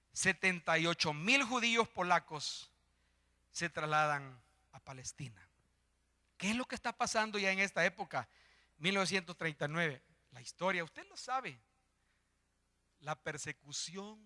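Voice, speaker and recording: An older man preaching a sermon in a church, swinging from hushed pleading to impassioned shouting. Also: sits high. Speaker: lay preacher.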